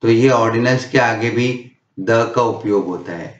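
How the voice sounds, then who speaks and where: A man teaching English grammar, reading each rule slowly and then explaining it in Hindi. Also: mid-range voice, distant mic. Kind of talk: slow, deliberate grammar lesson. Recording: echoey room, dull lo-fi sound.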